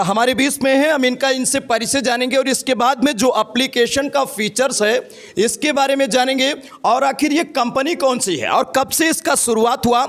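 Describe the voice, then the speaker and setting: A man's voice: extremely high pitch, a bit bright. A man reporting local news on location from a village panchayat hall, addressing viewers emphatically.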